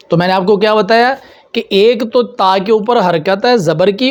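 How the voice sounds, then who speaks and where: A man with a Pakistani Urdu accent giving a patient lesson on reading rules, repeating examples slowly and answering his own questions. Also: high voice. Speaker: teacher.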